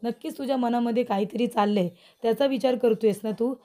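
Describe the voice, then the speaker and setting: A woman's voice: fairly high pitch, quick pace, dark tone, natural voice. A woman reading the lines of a stern aunt from a TV serial, speaking in a reproachful, commanding way. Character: stern older aunt of the household.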